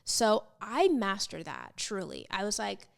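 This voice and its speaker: Young woman podcast host, lots of vocal fry, chatty candid advice, kinda rambly and conversational. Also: mid-range voice, sing-song, measured pace. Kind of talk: casual advice chat answering listener questions. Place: apartment set up as podcast studio.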